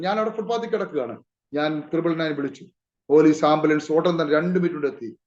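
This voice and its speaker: A man's voice: a little high, darkish tone, roomy sound. Male pastor, emotional testimony preaching, dull lo-fi recording. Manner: emotional, calls out to the congregation often. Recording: muffled lo-fi recording.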